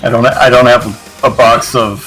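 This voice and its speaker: A man chatting casually with friends, making dry, deadpan jokes. His voice is bright and forward at a middle pitch, with faint game music behind him. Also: moderate pace, low-quality recording. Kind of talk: casual chat.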